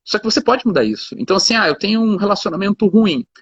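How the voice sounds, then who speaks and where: A man with a husky, slightly high voice talks casually as a guest. He explains ideas through examples, leaning on fillers like "cara" and "né". The recording is dry and dull, with a lo-fi sound. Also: expressive, fast, no echo. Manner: talkative, explains with examples, fillers like 'cara' and 'né'. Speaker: lawyer, guest. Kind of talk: casual conversation.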